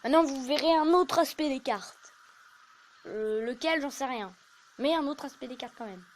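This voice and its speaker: A woman's voice: sits high, normal speed. A woman giving casual, rambling gameplay commentary as a YouTuber, chatty and self-mocking. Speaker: gaming YouTuber.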